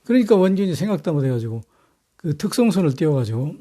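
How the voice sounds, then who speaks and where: Guy telling history stories, casual and blunt, lots of uh's, kinda high mellow voice. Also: very animated, quick pace. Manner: colloquial, blunt, peppered with fillers and rough language. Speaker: history lecturer. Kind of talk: casual storytelling lecture.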